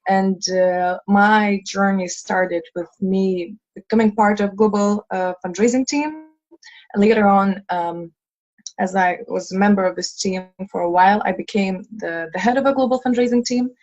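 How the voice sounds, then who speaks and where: A Lithuanian woman in her twenties who heads a fundraising team chats casually and earnestly on a video call, full of fillers and restarts. Her mid-range voice has a darkish tone and a normal pace, captured in dull, lo-fi audio.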